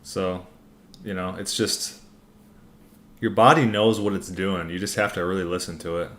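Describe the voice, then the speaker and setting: A man's voice: sits low, steady tone, moderate pace, fairly bright tone. A man hosting a casual livestream Q&A, reading out comments and answering in a laid-back, informal, rambling way. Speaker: livestream host.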